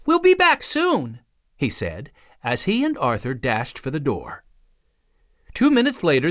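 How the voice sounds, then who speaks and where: A man narrating a biography audiobook in a measured storytelling manner with dramatic pauses. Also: fairly high pitch, no echo, studio quality. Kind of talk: scripted narration.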